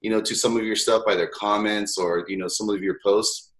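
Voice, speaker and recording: A man's voice: lowish voice, steady tone, a little fast, a bit bright. Man, interview host, casual and encouraging, speaks to listeners. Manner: friendly, encouraging, addresses listeners. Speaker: podcast host.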